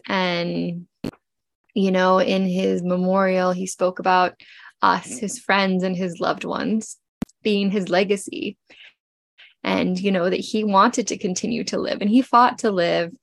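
A forty-year-old woman hosting a personal, reflective podcast speaks slowly, gently and heartfeltly, with frequent pauses and fillers. Her medium-pitched voice has a gravelly, creaky edge and sounds congested as she gets over a cold, and the dry, close recording has no echo.

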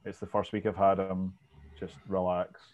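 A man's voice: sits low, monotone, moderate pace, a little mellow. A man with a Glasgow Scottish accent chatting casually about football, informal and sweary, as a podcast host.

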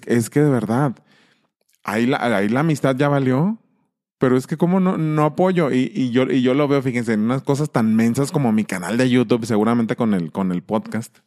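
A man talking straight to his audience in a casual vlog monologue. His pitch sits in the middle of the range, and he pushes his points emphatically, often restarting mid-phrase. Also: darkish tone. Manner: emphatic, conversational, frequent restarts. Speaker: channel host.

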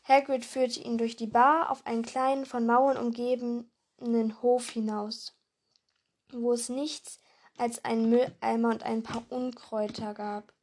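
Female amateur reader, slightly high voice, home audiobook with occasional stumbles. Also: level tone, unhurried, darkish tone, a little hiss or hum. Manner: acts character lines, stumbles and restarts words. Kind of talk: reading a novel aloud.

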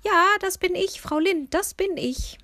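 A woman voicing a frail, kindly, slightly muddled very old lady in a children's storybook, in a high, gentle voice. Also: a little slow, no room sound, studio quality, full character voice. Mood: chatty. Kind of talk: storybook character voice.

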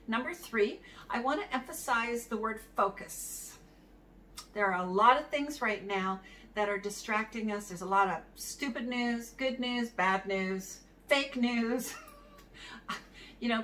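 A woman's voice: medium pitch, fairly bright tone. A middle-aged woman talks through advice for running a practice, easy and conversational, chuckling now and then. She sits a little back from the mic. A faint hiss runs behind her voice. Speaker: practice management consultant. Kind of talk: solo advice talk to camera. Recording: somewhat distant mic with faint background noise.

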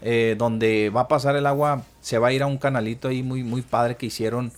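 A man with a medium-pitched voice and a northern Mexican border accent hosts a radio call-in. He talks casually and colloquially, explaining as he goes and often tagging on a question to check agreement. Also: fairly even intonation, fairly quick.

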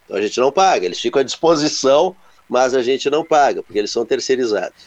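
A man, co-hosting a casual show and telling stories in an animated way with sound-effect words. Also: medium pitch, rapid-fire. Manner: animated, onomatopoeic storytelling. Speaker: co-host. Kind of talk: casual storytelling chat.

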